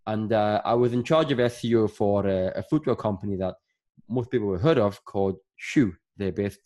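A man in his thirties from Northern Ireland talks in a fairly low voice as a podcast guest. He chats casually and rambles, filling his talk with lots of filler phrases. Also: normal speed, darkish tone. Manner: chatty, rambling with many fillers. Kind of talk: casual interview chat.

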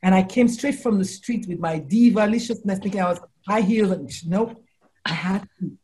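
There's slight background noise as an American doctor and life coach, a woman in her forties or older, talks casually in an interview at normal speed. She tells lively stories, acting out quotes with high exclamations.

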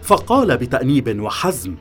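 A man of mid pitch narrates a suspense audiobook in a measured, dramatic way. Faint music runs underneath his voice. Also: wildly swooping pitch.

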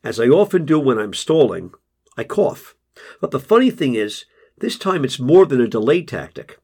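A man narrating a first-person story in a wry, deadpan way. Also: mid-range voice, normal speed, husky.

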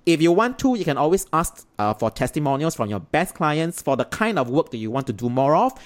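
Lively Singlish-accented coach, casual and emphatic. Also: medium pitch, fairly quick. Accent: Singaporean English (Singlish). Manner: emphatic, repeats points, checks with "right?" and "yeah?". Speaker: podcast host giving advice to freelancers.

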